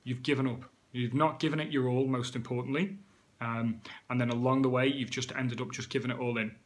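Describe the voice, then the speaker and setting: Man in his thirties with a British accent, fitness coach, relaxed chatty motivational vlog delivery, ordinary middle pitch. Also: a little fast. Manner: chatty, with frequent 'um' and 'okay?' asides. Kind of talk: casual motivational talk to camera.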